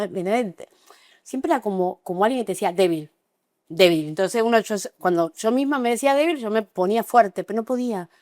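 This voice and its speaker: A middle-aged Argentine woman giving an emotional, halting personal account as an interview guest, with frequent restarts. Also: a little high, darkish tone, no room sound, clean studio sound. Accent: Argentine Spanish. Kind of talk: personal testimony in conversation.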